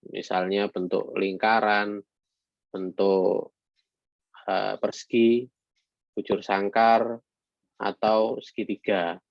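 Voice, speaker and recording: A man with a deep, gravelly voice delivers an online lecture haltingly, pausing often and filling the gaps with hesitant sounds. Occasionally he mixes in English phrases that sound read aloud. The audio is dull and lo-fi, in a dry room with no echo.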